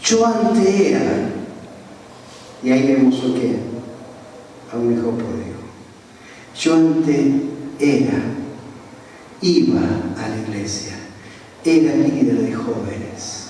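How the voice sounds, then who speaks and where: A man's voice: mid-range voice, very animated, slow, long pauses, dark tone, a little hiss or hum. Preaching man in an echoey hall. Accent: Rioplatense Spanish. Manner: dramatic storytelling, acting out voices in the story. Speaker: pastor. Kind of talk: sermon. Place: church. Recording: echoey church hall, mic far off.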